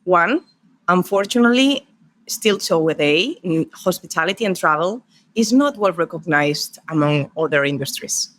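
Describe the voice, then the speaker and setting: Brief: Spanish-accented woman, middle-aged, interview guest, warm storyteller who lists her points. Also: on the low side, expressive, normal speed, slight background noise. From Spain. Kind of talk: podcast interview.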